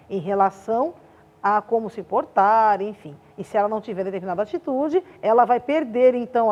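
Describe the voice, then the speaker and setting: Lively, expressive woman teacher. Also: a little high, highs cut off. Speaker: arts teacher. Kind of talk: remote class teaching.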